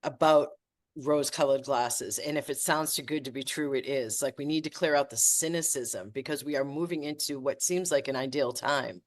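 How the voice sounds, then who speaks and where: A woman's voice: rumbling low, moderate pace. A woman teaching energy medicine as a podcast guest, talking passionately and emphatically, stumbling over her words when she gets worked up. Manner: passionate, emphatic, exaggerating for effect. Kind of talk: podcast interview.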